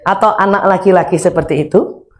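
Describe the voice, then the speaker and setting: A middle-aged woman giving a religious lecture on parenting and marriage, animated and humorous, acting out everyday examples. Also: lowish voice, a little fast.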